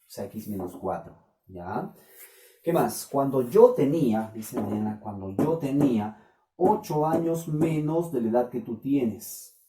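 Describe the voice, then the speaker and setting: A man's voice: mid-range voice, warm tone. Peruvian man teaching math in an echoey classroom. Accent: Peruvian Spanish. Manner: questioning, keeps checking with students. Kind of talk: classroom lecture. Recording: echoey room, voice from a distance.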